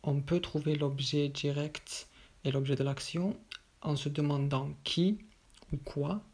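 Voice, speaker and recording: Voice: mid-range voice, steady tone, unhurried, darkish tone, husky. A teacher giving a voice-over grammar lesson, working methodically through each example with a question and its answer. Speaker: French teacher.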